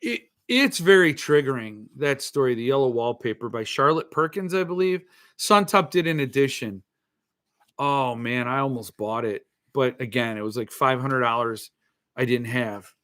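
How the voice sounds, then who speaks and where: Animated and fairly bright, a medium-pitched man speaks at a moderate pace as host of a book-collecting show, rambling casually about his interests. A lisp softens his s sounds into slush, and he hesitates, thinks aloud and drifts into asides.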